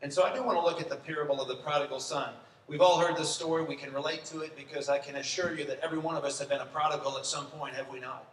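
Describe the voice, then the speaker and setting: A pastor with a slightly high voice and steady tone preaches conversationally in a church sanctuary, asking the congregation questions. He speaks rapid-fire with hardly any pauses. The recording is echoey and distant, with a little hiss or hum.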